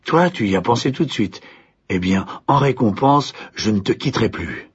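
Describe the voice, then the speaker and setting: A man voicing a kindly invisible servant spirit who speaks low, soft and calm. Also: moderate pace, slightly rough. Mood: gentle. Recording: dull lo-fi recording.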